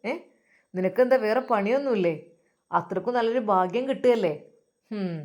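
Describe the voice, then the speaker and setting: A woman's voice: mid-range voice, normal speed, a little mellow, lightly acted. Figure: scornful older housemaid woman voiced by a woman. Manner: scolding. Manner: scolding, mocking. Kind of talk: storytelling voice acting.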